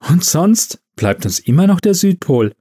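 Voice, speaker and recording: A man's voice: sits high, a little slow, slightly rough, pitched above the performer's own voice, full character voice. A man voicing a jittery young elf woman. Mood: worried. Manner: excitable, conspiratorial. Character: nervous, scheming young female elf.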